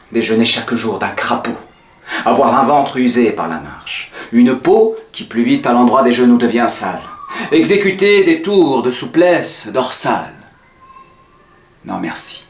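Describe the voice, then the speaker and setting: An actor as a declamatory, defiant Cyrano de Bergerac, echoey. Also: male voice, mid-range voice, close to an everyday voice. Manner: hammy, declamatory stage acting with big dynamic swings. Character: proud, defiant poet-swordsman declaiming a scornful refusal speech. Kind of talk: theatrical French verse monologue. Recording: echoey, roomy sound.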